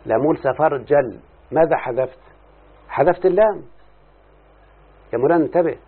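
A husky-voiced man teaches a grammar lesson. He keeps asking his listener questions as he explains. The sound is thin and muffled, like a phone line. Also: mid-range voice, fast. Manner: questioning, repeatedly addressing the listener. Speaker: teacher of Arabic morphology. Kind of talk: classroom lesson explaining a text.

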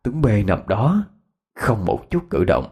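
A man narrating a ghost story in a dramatic, expressive reading. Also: fairly low pitch, unhurried, slightly rough.

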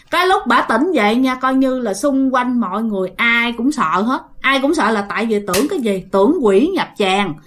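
Woman, Southern Vietnamese accent, high voice, chatty ghost-story telling, speaks to listeners. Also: fairly bright tone. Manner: chatty, addresses listeners directly.

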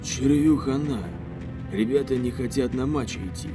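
A man voicing an unflappable hungover male guide who speaks slowly and calmly. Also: mid-range voice, over music, pitched above the performer's own voice, lightly acted. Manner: slow, drawling and calm.

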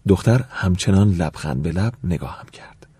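A man narrating an audiobook in the first person, calm and measured, at times dropping to a soft whisper. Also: low voice, husky, no room sound.

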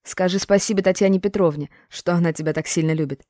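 A woman's voice: lowish voice, fairly even intonation, fast talker, dark tone, no room sound, clean studio sound, close to an everyday voice. A woman voicing a brash grown man who speaks in blunt slang and teases in an audiobook. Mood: teasing. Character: brash, rough-talking grown man, teasing.

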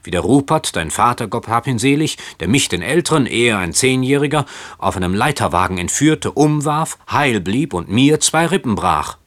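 A man's voice: mid-range voice, animated, moderate pace, a bit bright, dry recording, pitched above the performer's own voice, lightly acted. A man reading aloud voices an indignant old merchant uncle who scolds sarcastically. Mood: scornful. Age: older.

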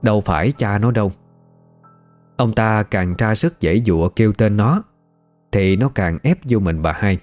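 A man, narrating a ghost story in a steady, measured way. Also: lowish voice, faint music behind.

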